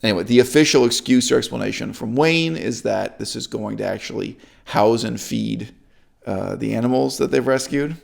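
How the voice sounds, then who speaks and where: A man giving an opinionated, sarcastic monologue as a channel host, emphatic and animated. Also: moderate pace, gravelly. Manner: sarcastic, emphatic, lively swings of pitch. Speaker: YouTube commentator.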